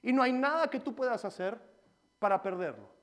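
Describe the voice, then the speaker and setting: A man preaching a sermon in church, swinging between loud exhortation and quiet personal stories. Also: very high voice, expressive, a little fast. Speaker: pastor.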